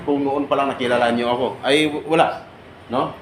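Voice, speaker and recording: A man's voice: mid-range voice, fairly even intonation, normal speed. Earnest man lecturing in an echoey hall. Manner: earnest, rhetorical, keeps asking "no?" and "tama?". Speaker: OFW assistance advocate. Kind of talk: seminar talk to an audience. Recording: echoey room with faint background noise.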